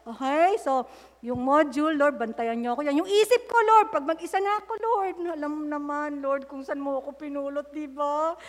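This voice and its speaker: A middle-aged woman with a high voice preaches a sermon at normal speed with fairly even intonation, recorded with long hall reverb. She mixes English and Tagalog as she tells candid personal stories, sometimes breaking into prayer aloud mid-sentence.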